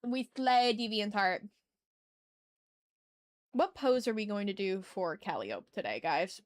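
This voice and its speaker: A woman with a mid-range voice and lively intonation speaks slowly in a dry recording. She hosts an art livestream, chatting with viewers in a casual, slangy, informal way. She talks into a sensitive ASMR microphone.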